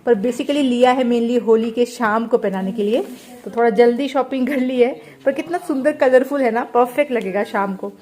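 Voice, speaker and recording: A woman's voice: on the high side, normal speed, a little mellow. A young mother chatting casually in a home vlog, switching into playful baby talk with her toddler. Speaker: vlogger and mother. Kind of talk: casual family vlog chat. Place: home indoors.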